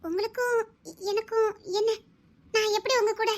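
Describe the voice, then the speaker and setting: A woman voicing a young bride who defies her quick-tempered husband in a dubbed serial drama, with nervous laughter. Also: very high-pitched, flat delivery. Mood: puzzled.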